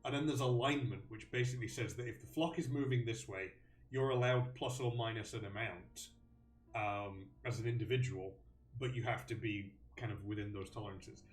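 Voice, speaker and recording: A man's voice: on the low side, normal speed, roomy sound, distant mic, soft background music. A man hosting a live stream, thinking aloud about a game with many ums and restarts. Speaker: host.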